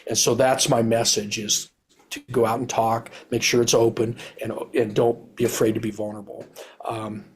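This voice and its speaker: A man's voice: medium pitch, little pitch movement, normal speed, slightly rough. A middle-aged man, a retired police officer, telling his story in a candid, rambling, earnest way, often restarting his sentences.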